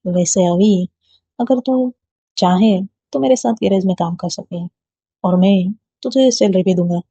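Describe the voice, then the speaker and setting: A woman reading a storybook voicing a patient, caring middle-aged father who speaks softly and reassuringly. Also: mid-range voice, a little slow, breathy edge, no echo. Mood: gentle. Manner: soft, reassuring. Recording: dull lo-fi dry recording.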